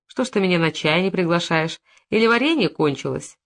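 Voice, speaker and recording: A woman's voice: fairly low pitch, expressive, fairly quick. A woman reading an audiobook, voicing an insolent, mocking petty-thief man. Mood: taunting.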